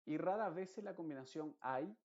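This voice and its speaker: A man's voice: a little high, a little mellow. Muffled man teaching pronunciation. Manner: patient, explanatory, repeats words slowly to model them. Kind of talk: online lesson, explaining to the viewer.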